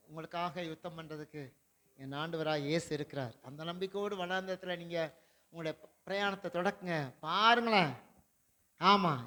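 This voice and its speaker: A male pastor preaching a sermon, swinging between loud declarations and low asides, with repeated rhetorical questions to the congregation. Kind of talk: Tamil sermon.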